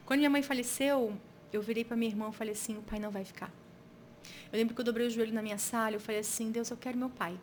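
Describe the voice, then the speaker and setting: A woman's voice: fairly high pitch, a little hiss or hum. A Brazilian woman pastor, an interview guest, telling a personal story in an earnest, reflective way with frequent restarts.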